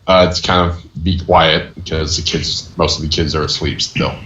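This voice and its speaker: A man's voice: rumbling low, fairly even intonation, moderate pace, a bit bright. A man playing a tabletop game casually with a dry, offhand manner, in a dull, echoey recording with background noise. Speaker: player.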